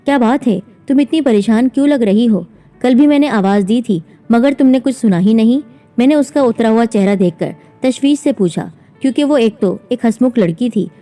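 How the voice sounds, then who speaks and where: A woman reading a family story aloud, narrating and speaking every character's lines in the same steady reading voice. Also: fairly high pitch. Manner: reads both narration and dialogue in one even voice. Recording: soft music behind the voice.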